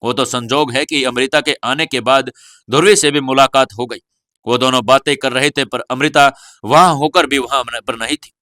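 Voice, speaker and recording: A male storyteller reading a serialized audio novel with a steady, even delivery. His voice is bright and forward, and the recording is dry and close with no room sound. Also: mid-range voice, normal speed, no echo. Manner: steady storytelling, voicing every character. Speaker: narrator. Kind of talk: scripted audio-novel narration.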